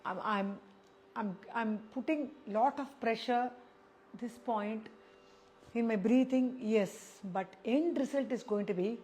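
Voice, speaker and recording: South Indian woman, higher-voiced singing teacher. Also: slow, dark tone, slight background noise. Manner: explains step by step, repeating syllables and phrases to demonstrate. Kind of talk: spoken music lesson with sung syllable demonstrations.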